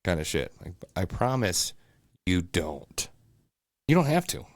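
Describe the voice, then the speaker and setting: A man's voice: low voice, very animated, unhurried, dry recording, studio quality. A man co-hosting a casual home podcast, talking bluntly and swearing often. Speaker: podcast co-host. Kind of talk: casual chat. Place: home room above a bathroom.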